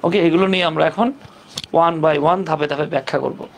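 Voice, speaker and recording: A man's voice: a little high, steady tone, moderate pace, creaky, a little hiss or hum. A man teaching English grammar in a casual, step-by-step way, asking rhetorical questions and joking in colloquial speech. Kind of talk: casual classroom lesson.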